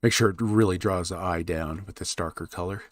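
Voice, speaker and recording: A man live-streaming while he draws a fantasy map, thinking aloud and chatting with his viewers in a relaxed, rambling way. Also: deep voice, fairly quick, no echo. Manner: thinks aloud, muttering while he works, then perks up to talk to chat. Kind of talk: casual live-stream chat while working.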